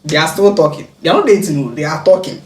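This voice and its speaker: A reaction video host from Ghana, chatting casually and explaining clips to viewers in an animated way. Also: mid-range voice, fast. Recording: echoey room with faint noise.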